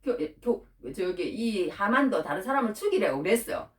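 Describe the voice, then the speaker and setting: A woman preaching a Bible-teaching sermon, animated and full of rhetorical questions, acting out quoted prayers. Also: mid-range voice, normal speed, distant mic. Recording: echoey room, voice from off-mic.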